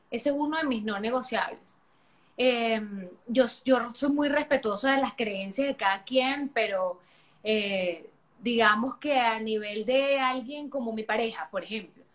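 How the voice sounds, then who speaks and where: A woman guest talking loudly and energetically on a live video chat, projecting her voice the way she does when teaching. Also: fairly high pitch. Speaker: sexologist guest. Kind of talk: casual live-stream chat.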